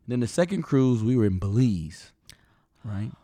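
A man co-hosting a podcast from a home dining room studio, telling animated stories and acting out what others said. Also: mid-range voice, measured pace, dry recording. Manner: storytelling, animated, acts out quotes. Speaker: podcast co-host. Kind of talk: casual chat.

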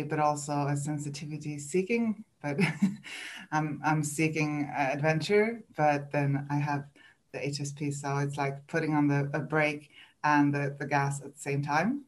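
Interviewed as a podcast guest, this coach from Sweden speaks accented English, her second language, in a voice that sits low. She reflects haltingly, restarting and laughing softly now and then.

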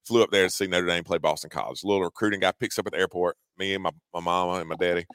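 A man in his forties with a Georgia Southern accent tells a story with folksy, animated energy, laughing at himself along the way. His voice sits fairly low, and the recording is close and dry. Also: very fast, smooth, dry recording. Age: 40s. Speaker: co-host. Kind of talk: casual storytelling on a sports talk show.

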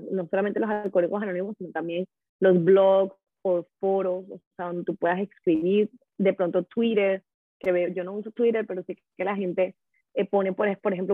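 Mom co-hosting a chill podcast, chatty, sounds phone-like and dry. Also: female voice, mid-range voice, no room sound. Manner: chatty, conversational storytelling. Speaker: podcast co-host. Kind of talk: casual podcast chat.

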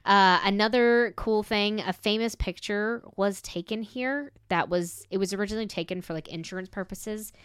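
A young woman with a light Southern accent, hosting a casual chat with quick asides and frequent laughs. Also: mid-range voice, fairly bright tone, clear, resonant tone, no room sound, studio quality.

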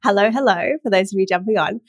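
Speaking fast in a mid-range, slightly nasal voice, a young woman runs her own live-streamed podcast as a women's empowerment coach. The solo talk is casual and earnest, loose with fillers and restarts, in clean studio sound with no room sound.

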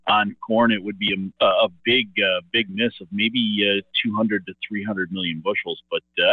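A man speaking over the phone as a market analyst giving radio commentary, halting and full of filler sounds and restarts. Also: lowish voice, no room sound. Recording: tinny dry phone line.

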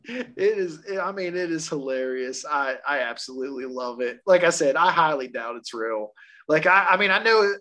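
A man co-hosting a podcast, excitedly telling a story in casual chat and laughing often. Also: a little high. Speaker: podcast co-host.

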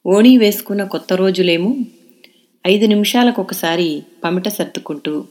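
A woman narrating a serialized audio novel in a calm, steady storytelling manner. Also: medium pitch, moderate pace.

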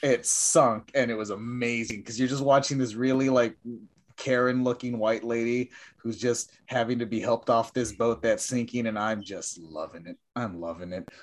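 A man's voice: mid-range voice, steady tone, moderate pace. A man chatting on a podcast, rambling and joking with lots of restarts. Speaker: podcast co-host. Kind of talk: casual podcast chat.

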